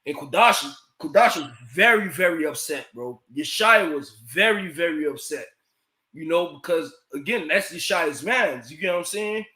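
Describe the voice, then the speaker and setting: A man telling a story in casual chat, animated and swearing, acting out what others said. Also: on the high side, moderate pace. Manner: animated, swears, acts out quoted dialogue. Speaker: podcast guest telling a story. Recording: echoey room.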